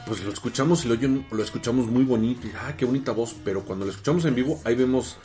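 A man's voice: mid-range voice, fast talker, warm tone, faint music behind. A man co-hosting a casual podcast, playful and chatty. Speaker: podcast co-host. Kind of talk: casual chat.

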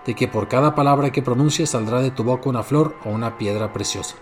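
A man voicing a kind magical fairy who speaks in calm, solemn pronouncements in a storybook reading. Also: medium pitch, fast, soft background music, natural voice.

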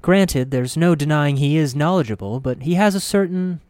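A man reading an audiobook, voicing a wise, gentle female healer who speaks softly and formally. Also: fairly high pitch, no echo, clean studio sound, voice pushed up, close to an everyday voice. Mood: wary curiosity. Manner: soft, measured, formal speech. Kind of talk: audiobook character voice.

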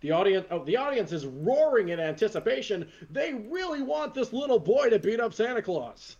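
A man's voice: high voice, sing-song, moderate pace, darkish tone, lo-fi sound. A man acting as game master, narrating an improvised tabletop game in a casual way.

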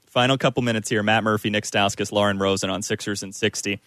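A man's voice: lowish voice, steady tone, fast talker, a bit bright, dry recording. Male sports radio host, dry studio sound. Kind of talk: sports talk discussion.

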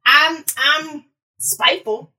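A woman's voice: sits high, takes it slowly, bright, forceful tone. A woman hosting a casual podcast chat, steering the talk and teasing her guests.

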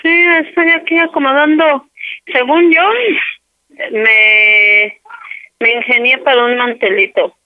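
A woman's voice: a little high, slow pace, pauses often. A woman on a phone call, pleading in a tearful way. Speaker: prank call target. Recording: tinny phone line.

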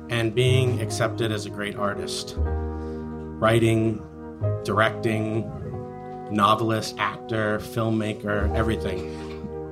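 A man tells a story in a wry, self-mocking way at a live reading. The recording is an older archive tape. Faint music plays under him. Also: mid-range voice. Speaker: diary reader on stage.

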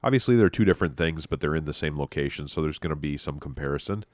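A man hosting a podcast in a relaxed, rambling chat, a little stuffy from allergies. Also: very deep voice, fast talker, dry recording. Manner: relaxed, rambling, dry humor. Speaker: podcast host. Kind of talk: casual chat.

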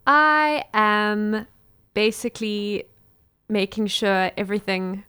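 A young woman with a South African accent talks as a guest in a casual interview. Her voice is smooth and clear at a middling pitch, and her manner is informal and easygoing in wording. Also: expressive, slow pace, pushed and bright. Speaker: interview guest, small business owner and designer.

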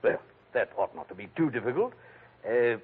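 An actor playing a pompous, fussy gentleman broker with florid formal speech, in 1940s radio acting. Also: medium pitch, big pitch swings, normal speed, breathy edge. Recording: tinny old radio broadcast.

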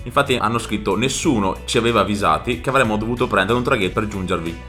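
A man's voice: fairly low pitch, fast talker, bright, forceful tone, faint music behind. A man co-hosting a radio show with casual comic banter.

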